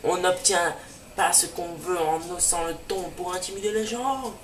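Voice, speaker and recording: A stern old professor lectures and scolds, his voice leaping up into squeaky highs, as a man does the voice in a game let's play. It is recorded in a roomy space far from the mic, with a faint hiss. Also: normal speed, lightly acted. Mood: scolding.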